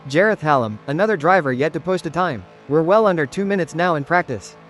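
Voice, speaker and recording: Fast-talking race commentator, slightly high voice, music underneath. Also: male voice. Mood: matter-of-fact. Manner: steady play-by-play updates. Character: male motorsport lead commentator, brisk and measured. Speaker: lead commentator. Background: game music.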